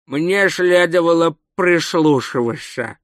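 A man voicing Cohen, a grizzled old male barbarian hero, speaking gruffly and slowly in a storybook reading. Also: on the high side, no room sound, studio quality, voice pushed up. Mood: self-reproaching. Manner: gruff, slow, self-reproaching.

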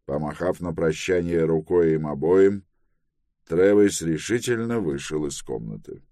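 A man narrating an audiobook in a steady, unhurried way, on a close studio mic. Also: low-pitched, dry recording.

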